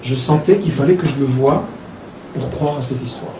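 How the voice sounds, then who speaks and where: A man in his sixties from Belgium, an author recounting his childhood in a reflective, halting way. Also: medium pitch, background noise. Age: 60s. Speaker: author talking about his book. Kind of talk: personal storytelling talk. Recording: echoey room from a distance.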